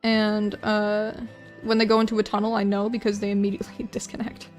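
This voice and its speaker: A young art streamer chats casually with viewers while she draws, rambling, restarting often, and poking fun at herself. Her medium-pitched voice is completely flat and fairly quick, with soft music in the background.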